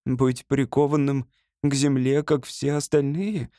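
A man's voice: medium pitch, flat delivery, unhurried, warm tone, no room sound, clean studio sound, close to an everyday voice. A man playing an ardent young winged man. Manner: ardent, impassioned. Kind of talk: audiobook character reading.

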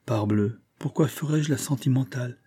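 A man's voice: mid-range voice, moderate pace, mellow, breathy edge, pitched above the performer's own voice, natural voice. A man reading aloud voices a proud, worldly middle-aged woman dressmaker who speaks in a dry, knowing, confiding way.

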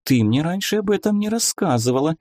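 A man's voice: on the high side, big pitch swings, fairly quick, darkish tone, no echo, studio quality, pitched above the performer's own voice. A man voicing a young nurse in an audiobook, talking in a honeyed, cooing, motherly way. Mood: soothing. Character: young nurse, sugary, worldly-wise confidante. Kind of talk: audiobook character reading.

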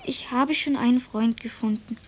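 Woman playing precocious young Jules Verne, high-voiced. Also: slight background noise, natural voice. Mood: earnest, self-important. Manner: slow, deliberate dictation, speaking punctuation aloud. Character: precocious, earnest young boy dictating letters to his parents. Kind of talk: German radio play acting.

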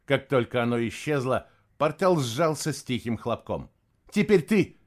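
A man narrating an audiobook in an expressive storytelling manner. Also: mid-range voice, moderate pace. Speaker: audiobook reader. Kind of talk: scripted narration.

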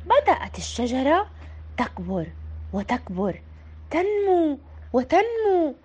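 A woman reading a children's picture book aloud in an expressive, sing-song way. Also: high-pitched, takes it slowly, dull audio. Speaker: storyteller.

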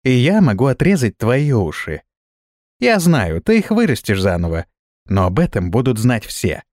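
A man voicing a bold, sharp-tongued young woman who talks defiantly, in a storybook reading. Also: medium pitch, huge pitch swings, normal speed, dry recording, clean studio sound. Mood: mocking. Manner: defiant and mocking.

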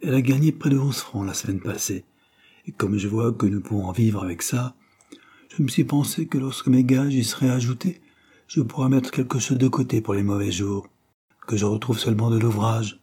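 A man's voice: medium pitch, moderate pace, dark tone, husky, natural voice. A man doing a stubborn, proud working man. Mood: determined. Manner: emphatic, determined.

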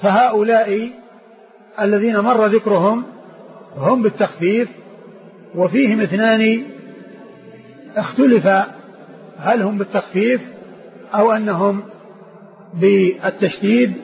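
A man's voice: sits high, unhurried, pauses often, soft background music. A man, a sheikh, explaining a classical text to students, repeating phrases and restarting words as he teaches. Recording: dull lo-fi lecture recording with faint noise.

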